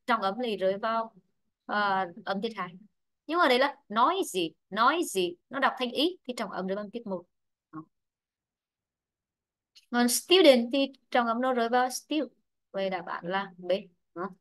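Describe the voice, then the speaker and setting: A woman teaching English online, explaining word-stress rules slowly and repeating herself with many fillers. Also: a little high, fairly bright tone. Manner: repetitive, drawn-out explaining with frequent fillers. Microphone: online lesson mic.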